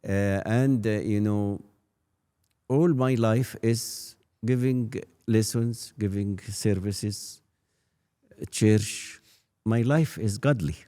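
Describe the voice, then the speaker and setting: Elderly Egyptian-accented man, native Arabic speaker, very low voice, deep and dark tone, halting speech. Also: clear, resonant tone. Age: 80s. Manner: halting, repeats and restarts words. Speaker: Coptic priest guest. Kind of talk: storytelling in an interview.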